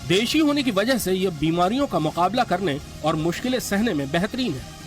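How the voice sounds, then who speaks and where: High-voiced male documentary narrator over music. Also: expressive, fairly quick. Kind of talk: scripted narration.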